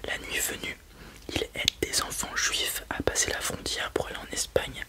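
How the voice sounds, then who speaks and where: A person doing an ASMR whispered role-play as a helpful librarian, speaking in a soft, breathy library whisper. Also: normal speed. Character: helpful librarian recommending children's books to a parent.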